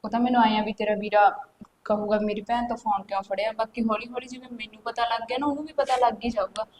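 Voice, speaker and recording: A woman's voice: on the high side, fairly even intonation, fast, darkish tone, close to an everyday voice. A woman with a Punjabi accent playing a strict village sister-in-law who scolds firmly in a Punjabi web drama. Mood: stern. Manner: scolding, firm. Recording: echoey room, faint noise.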